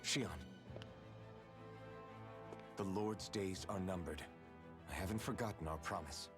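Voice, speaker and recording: A man playing a gentle, earnest young hero in a video game, with music behind him. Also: low-pitched, takes it slowly. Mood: gentle, reassuring. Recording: game dialogue under music.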